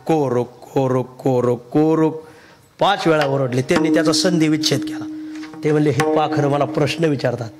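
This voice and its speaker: A man from Maharashtra delivers a devotional kirtan sermon in a high voice. He tells stories with humour and sing-song emphasis, often laughing as he talks. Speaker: kirtan preacher.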